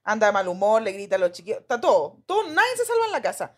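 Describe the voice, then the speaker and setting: A woman's voice: mid-range voice, huge pitch swings, very fast. A young Chilean woman, a daughter, telling stories and questioning in a casual family chat. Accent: Chilean Spanish.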